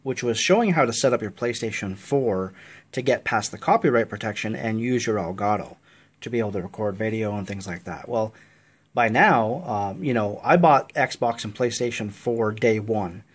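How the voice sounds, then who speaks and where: A man's voice: on the low side, normal speed. A man talking through a casual step-by-step tech tutorial, out of breath and chatty with fillers.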